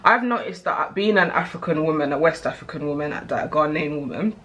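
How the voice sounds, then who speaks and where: Bright-voiced British woman in her thirties. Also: deep voice, lively intonation, a little fast. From United Kingdom. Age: 30s. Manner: chatty, candid, rambling with frequent asides and fillers. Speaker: vlogger. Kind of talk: casual chat to camera.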